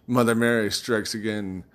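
Low-voiced man telling a rambling story. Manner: loose storytelling with swearing and laughs. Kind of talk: casual rambling monologue.

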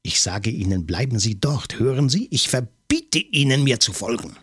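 A man's voice: mid-range voice, lively intonation, normal speed, fairly bright tone, breathy edge, no room sound, studio quality. A man voicing an eager young police assistant in an audiobook, urgent and obedient.

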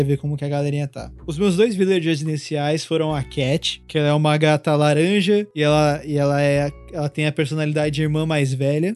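A man's voice: fairly high pitch, a little mellow. A man with a Brazilian Portuguese accent, co-hosting a podcast in casual chat, slangy, enthusiastic and rambling. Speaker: podcast co-host.

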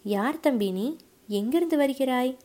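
Lady reading as a bossy hot-headed commander guy, pitched a bit up and loud, warm mellow tone. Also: lively intonation, unhurried. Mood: friendly. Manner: brusque, commanding, suspicious. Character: proud, hot-tempered middle-aged male fort commander. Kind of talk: audiobook character voice.

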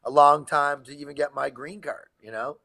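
A man with a fairly high voice and a standard American, Californian accent talks in a casual, joking studio chat. His delivery is animated and sarcastic, and the sound is dry and close. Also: moderate pace, creaky, no room sound. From Canada. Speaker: studio guest.

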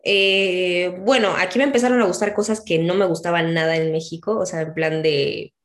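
A woman's voice: lowish voice, normal speed. Chatty Mexican woman telling stories. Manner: animated storytelling, voices her own and others' quoted lines. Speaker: interview guest. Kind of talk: casual conversational interview.

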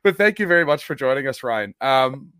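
Chatty Canadian podcast host. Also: male voice, medium pitch, lively intonation, fairly quick, sharp tone, clear, resonant tone, no echo, studio quality. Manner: upbeat, chatty, with restarts. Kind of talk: casual interview chat.

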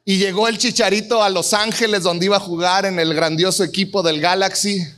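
A middle-aged man preaching a sermon, telling stories and acting out voices with big swings in pitch. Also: fairly even intonation, brisk, fairly bright tone. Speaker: pastor.

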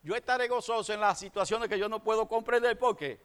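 A man in his sixties preaching a sermon to his congregation, swinging between emphatic raised bursts and quiet asides. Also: sits high, fairly quick, clean tone. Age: 60s. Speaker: pastor.

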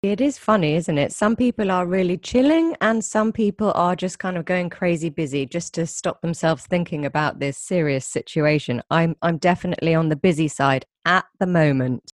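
A woman's voice: fairly low pitch, normal speed, few pauses, no echo, clean studio sound. A woman host presenting and interviewing a guest in a conversational, presenter-like style. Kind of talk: scripted introduction and conversational interviewing.

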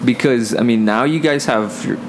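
A man's voice: medium pitch, normal speed, background noise. A man working as a podcast interviewer, asking questions in a casual conversational way.

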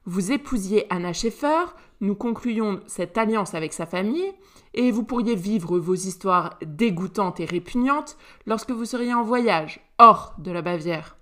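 A woman's voice: medium pitch, animated, measured pace, pushed and bright. A woman voicing a stern, angry aristocratic duke who scolds his son with cold contempt in a storybook reading. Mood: contemptuous.

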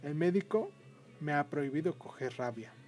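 A man voicing a burly, stern, short-tempered rich man in a read-aloud story, giving sharp, raised commands. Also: on the high side, lively intonation, moderate pace, faint music behind, natural voice. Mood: cold.

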